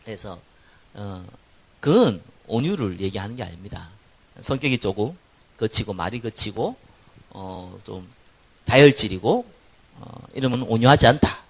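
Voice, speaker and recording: A male pastor with a Gyeongsang Korean accent delivers a sermon. His voice is gravelly, and his pitch swings widely. He punches key words loudly, then drops to soft, low asides. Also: unhurried, long pauses. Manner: lively preaching that swings from loud stress to quiet asides, acting out quoted people.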